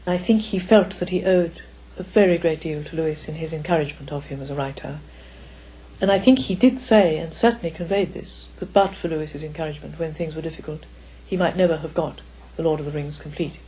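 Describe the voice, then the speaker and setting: An older woman, the author's daughter, reminisces in a reflective interview, speaking in a careful, articulate and formal way. Her deep, husky voice is warm and brisk, though the recording quality is low.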